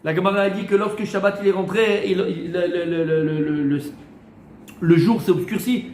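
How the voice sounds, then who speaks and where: A man, a rabbi, giving a lively Torah class to a small group, teasing and quizzing them as he goes. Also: high-pitched, moderate pace. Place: room with a small group of students. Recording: echoey room.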